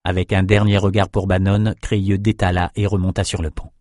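A man narrating an audiobook in a measured, even way. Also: sits low, no echo, clean studio sound. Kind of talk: scripted narration.

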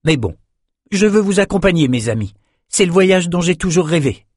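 A man's voice: fairly high pitch, a little slow, darkish tone, dry recording, clean studio sound, pitched above the performer's own voice. A man voicing an earnest, somewhat hesitant young man in an audiobook. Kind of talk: audiobook character voice.

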